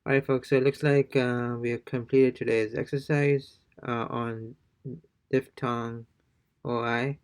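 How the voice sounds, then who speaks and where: Slow, hesitant male language teacher. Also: medium pitch, flat delivery, clear, resonant tone. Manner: hesitant, many fillers and restarts. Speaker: Spanish teacher. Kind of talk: casual language lesson.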